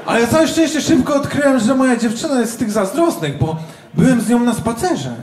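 A man doing a stand-up routine in front of a live crowd. He talks loudly and acts out shouted quotes. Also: very high-pitched, sing-song, brisk. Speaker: stand-up comedian. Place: large comedy venue with live audience. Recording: echoey venue with audience noise.

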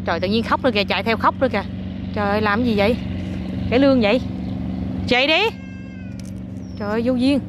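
Her voice a little high, this mother speaks quickly but leaves long pauses as she films and chats with her toddler outside. She coaxes the child playfully and repetitively while faint outdoor noise can be heard.

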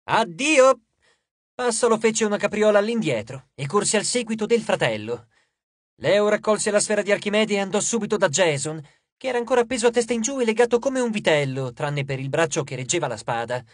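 Expressive male audiobook narrator. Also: sits high, brisk, no room sound, studio quality. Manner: expressive, lively storytelling.

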